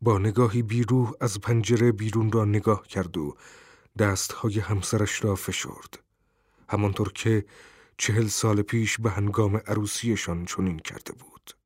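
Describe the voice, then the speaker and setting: A man narrating an audiobook in a measured, even storytelling way. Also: lowish voice, no echo, clean studio sound.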